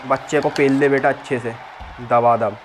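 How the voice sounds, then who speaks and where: A man gives casual, rowdy commentary while playing a wrestling video game, trash-talking and mocking the wrestlers and the referee on screen. His mid-range voice has fairly even intonation at normal speed, with the game's crowd roar and sound effects behind him.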